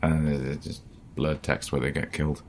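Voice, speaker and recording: Podcast co-host, man, very low voice, sweary and jokey. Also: flat delivery, a little fast. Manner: swears freely, laughs often, acts out quotes. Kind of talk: casual chat.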